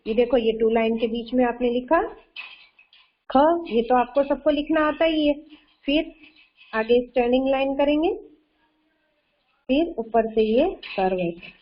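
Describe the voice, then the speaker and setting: A woman teaching a kindergarten class online, slow and patient, often repeating herself and quizzing the children. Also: on the high side, highs cut off. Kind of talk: online kindergarten Hindi lesson.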